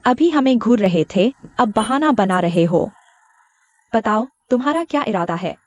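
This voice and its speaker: An actress playing a sharp-tongued, suspicious young woman in a dubbed drama. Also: on the high side, lively intonation, unhurried, no echo, muffled recording. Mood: scornful. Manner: sharp and scornful.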